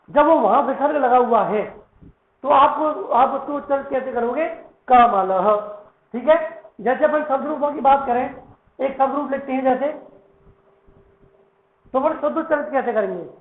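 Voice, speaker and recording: High-voiced male teacher, echoey phone sound. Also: moderate pace, pauses often, phone-quality sound. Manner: keeps asking questions and answering them himself; drills pronunciation by repeating words. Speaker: Sanskrit teacher. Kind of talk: classroom lesson.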